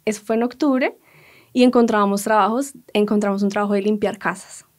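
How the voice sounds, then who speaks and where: Lively Colombian woman telling her story. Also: mid-range voice, a little fast. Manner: lively, laughing, acts out quoted dialogue. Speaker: guest. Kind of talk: casual storytelling interview.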